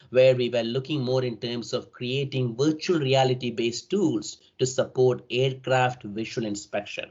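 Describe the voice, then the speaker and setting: A middle-aged man with a South Indian accent gives an online academic presentation, often adding tags like "right?" to his sentences. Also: mid-range voice. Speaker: university faculty member presenting. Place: remote online call. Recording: dull, band-limited online call audio.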